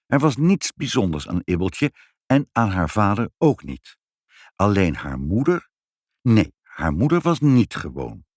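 A man reads a children's story aloud in a sing-song, expressive way, his voice sitting low but swinging widely in pitch. The sound is close and dry, with no room around it. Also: measured pace, dry recording.

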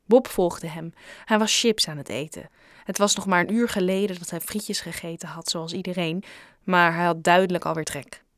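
Woman narrator, children's audiobook, lively storytelling, dry sound. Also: fairly low pitch, moderate pace, dry recording. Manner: lively storytelling, playful asides.

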